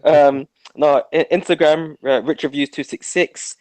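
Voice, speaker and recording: A man co-hosting a casual podcast, excitable and jokey. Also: a little high, measured pace, no room sound, low-quality recording. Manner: excitable, jokey, talks with a laugh. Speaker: podcast co-host. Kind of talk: casual chat.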